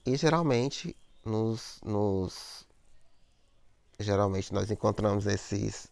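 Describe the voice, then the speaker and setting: A man's voice: fairly low pitch, slow, gravelly, darkish tone, dry recording. A man teaching a lesson on poetic meter, explaining step by step, repeating words, and checking in with "né?" and "ó".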